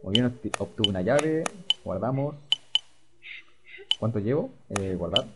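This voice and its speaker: A man's voice: lowish voice, animated, unhurried. A man playing a video game, muttering to himself and reading on-screen text aloud. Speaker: gamer. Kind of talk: let's play commentary. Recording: dull lo-fi recording with faint hiss.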